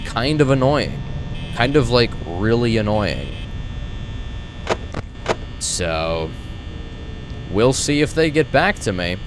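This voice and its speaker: A man's voice: mid-range voice, slow, pauses often. A young adult man giving casual, rambling commentary as he hosts a gaming video, telling stories in an exasperated way and acting out exchanges. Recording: clearly noisy, steady background hum.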